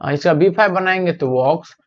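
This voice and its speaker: A male teacher with a Bihari Hindi accent runs an exam-prep lesson, asking his students questions and answering them himself. He stretches out each English question line slowly and deliberately. The recording sounds dull and lo-fi. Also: high voice.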